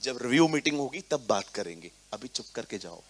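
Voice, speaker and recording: A man preaching a sermon to a congregation in a church hall. He is animated, acts out little scenes in other voices, mixes in English words and calls on the listeners to repeat his words. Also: mid-range voice, brisk, a little hiss or hum. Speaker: pastor.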